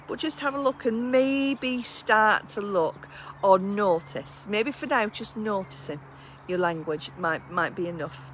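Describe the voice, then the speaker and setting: Bright-voiced British woman, chatty and encouraging. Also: medium pitch, measured pace, slight background noise. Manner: encouraging, gently instructive, with rhetorical check-ins. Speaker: wellbeing live-stream host. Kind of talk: casual chatty live talk with wellbeing tips. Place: outdoors on a balcony.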